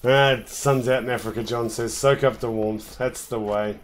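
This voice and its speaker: A man from New Zealand streaming a hunting game, talking casually and relaxed with some "uh" fillers. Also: medium pitch, moderate pace. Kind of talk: casual gameplay commentary.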